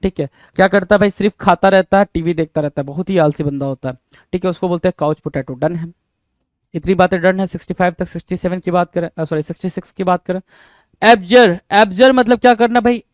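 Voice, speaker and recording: High-voiced male teacher drilling words. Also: fast talker, dry recording. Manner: rhetorical questions to students, repeats words. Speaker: vocabulary teacher. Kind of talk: exam-prep vocabulary lesson.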